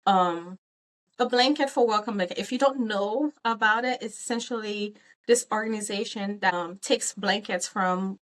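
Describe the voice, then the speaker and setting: Speaking at a moderate pace in a mid-range, fairly bright voice, a woman raised in Haiti talks through her crochet plans. It's a loose, chatty vlog full of ums, and she pokes fun at herself now and then.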